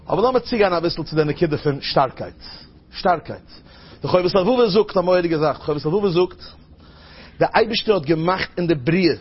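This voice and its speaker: A man's voice: lively intonation, brisk, slightly rough. A man preaching. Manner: storytelling, acting out a child's high, crying voice. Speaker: rabbi giving a talk. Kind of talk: Yiddish-flavored sermon. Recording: dull lo-fi recording.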